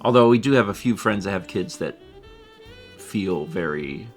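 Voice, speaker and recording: A livestream co-host in his thirties chats casually, rambling and laughing a lot as he reads viewer comments and pokes fun at himself. His voice sits low, expressive and moderately paced, with faint music behind.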